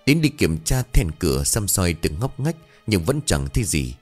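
Deep-voiced man telling a horror story. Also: big pitch swings, moderate pace, a little mellow. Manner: dramatic, suspenseful telling. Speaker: narrator. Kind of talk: scripted horror story narration. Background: faint music.

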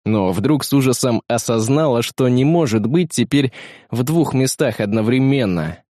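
Steady male audiobook narrator, dry sound. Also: mid-range voice, moderate pace, dry recording.

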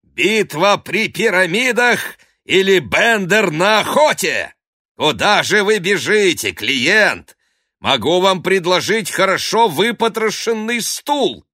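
A man voicing a brash, cheerful male swindler who shouts in loud, mocking, drawn-out calls in a storybook reading. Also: high-pitched, big pitch swings, dry recording, studio quality, pitched above the performer's own voice, heavily acted. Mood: gleeful shouting.

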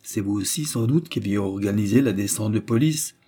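A man's voice: fairly low pitch, brisk, dark tone, breathy edge. A man reading an audiobook voices a scheming prince and police chief who speaks in a cold, ironic, cynical way.

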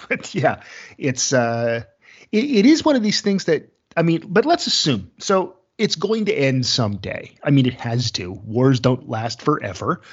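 A man's voice: mid-range voice, very animated, a little slow, husky, highs cut off. A man hosting a conversational interview, talking casually and often offering short agreements.

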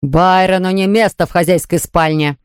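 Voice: medium pitch, fairly even intonation, normal speed, clear, resonant tone, no room sound, lightly acted. A narrator voicing a hostile, defensive husband, reading in a dry, close studio recording. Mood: furious. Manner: shouting, then pleading.

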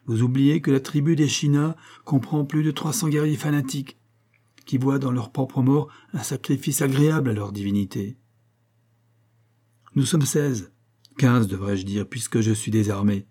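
A man voicing a steady, grave adult guide who gives measured counsel in a husky, dark voice. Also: mid-range voice, pitched above the performer's own voice, close to an everyday voice. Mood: urgent.

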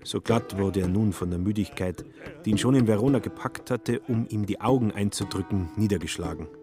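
Low-voiced male radio-play narrator. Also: brisk, music in the background.

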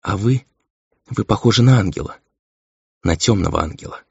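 A man voicing a soft, breathy angelic maiden. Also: lowish voice, expressive, normal speed, no echo, pitched above the performer's own voice, exaggerated voice. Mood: tender. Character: gentle young angelic maiden, timid and adoring. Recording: dull lo-fi dry recording.

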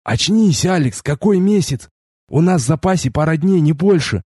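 A man's voice: a little high, expressive, normal speed, darkish tone, breathy edge, dry recording, studio quality, voice pushed up. A man voicing an agitated young conscript. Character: jittery young male army conscript, pleading. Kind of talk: audiobook character voice.

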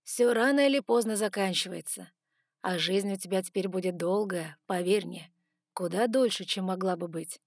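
A woman's voice: medium pitch, normal speed, no echo, studio quality, lightly acted. A woman voicing a sly, sarcastic male ice dragon who talks in a teasing, offhand way. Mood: reassuring.

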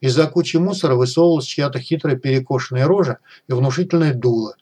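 Middle-aged male audiobook reader, husky tone, even read with light character voicing. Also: mid-range voice, fast. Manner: reads dialogue with small raised voices for characters. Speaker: audiobook narrator. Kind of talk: scripted narration.

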